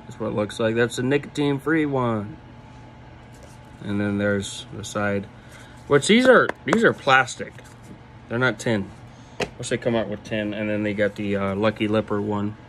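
A young man in his 20s with a lip full of dip does an off-the-cuff vlog product review in a small indoor room, filmed on a phone held at arm's length. His voice is on the low side and a bit bright, with fairly even intonation and a moderate pace. A little hiss or hum is audible.

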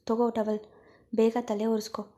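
A woman's voice: on the high side, level tone, normal speed, dark tone, highs cut off, lightly acted. Rashmi, a woman doing a fretful young friend. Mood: anxious. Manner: anxious, fussing questions.

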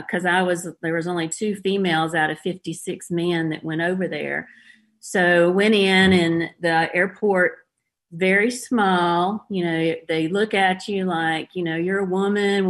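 A woman's voice: on the low side, fairly bright tone. A middle-aged woman with a Southern US accent, a former police officer telling her story plainly as a guest in an interview.

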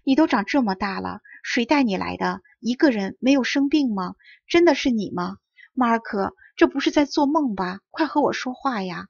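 A woman's voice: fairly high pitch, lively intonation, moderate pace, gravelly, no room sound. A woman voicing a dying mother who pleads tearfully for her young son, weak and near death. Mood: overjoyed. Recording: dull lo-fi audiobook recording.

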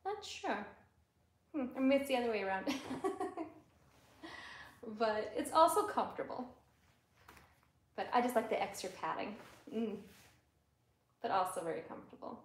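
A woman's voice: fairly high pitch, sing-song. A woman in her thirties with an Upper Midwest American accent, chatting casually and giggling as she hosts a livestream, recorded in a small salon room on a camera a few feet off. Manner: chatty, giggly, slow-paced show-and-tell. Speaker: livestream host. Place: small salon room with barber chairs, indoors. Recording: echoey room with faint noise.

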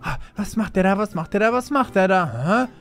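A man hosting a Minecraft roleplay, talking excitably to viewers and repeating words fast when he panics. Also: high voice, soft background music. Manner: addresses viewers directly as "Leute". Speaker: channel host and roleplayer.

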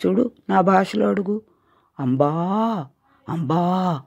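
A casual young calf in a bedtime story, as a woman puts it on, speaking in an offhand way. The voice is raspy and dark. It sounds like a dull, lo-fi recording. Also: fairly low pitch, slow, voice pushed up, exaggerated voice.

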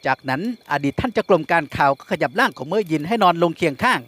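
A male audiobook narrator reads a classic novel in a steady, even way. His voice sits slightly higher than most men's. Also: quick pace.

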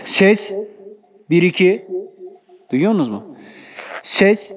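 A man shepherding in the hills, shouting and counting aloud to hear his voice echo back, in a loud, playful way. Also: high voice, very animated, slow pace. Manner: loud calls and playful sound-check counting. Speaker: shepherd vlogger. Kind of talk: casual outdoor vlog talk to viewers. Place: outdoors in hill pasture with grazing sheep. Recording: dull lo-fi outdoor recording with noise.

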